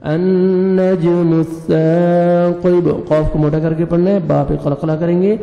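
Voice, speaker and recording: A man teaching Quran reading. He spells out letters and vowel marks one by one, then recites each word slowly in a drawn-out chant. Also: fairly high pitch, fairly even intonation, muffled recording. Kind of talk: slow spelled-out recitation lesson. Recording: echoey room with long reverb.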